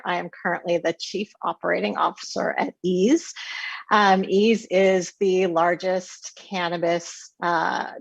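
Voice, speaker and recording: A woman, a company executive, giving a brisk introduction on a panel over a video call. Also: fairly low pitch, gravelly, breathy edge, no echo. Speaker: chief operating officer, panelist. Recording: dull lo-fi dry audio.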